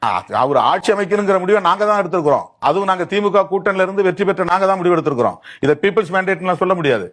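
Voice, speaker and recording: A man's voice: high voice, a bit bright. A man arguing a political point in an interview, reasoning aloud with questions. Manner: argumentative, rapid, reasoning aloud. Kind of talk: interview argument.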